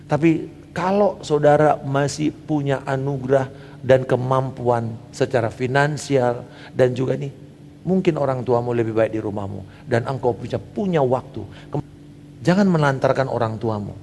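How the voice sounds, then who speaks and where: A middle-aged man preaching a sermon as pastor, emphatic, swinging from loud declarations to soft asides and slipping English phrases into his talk. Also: medium pitch, moderate pace, vocal fry, big-room sound, a little hiss or hum.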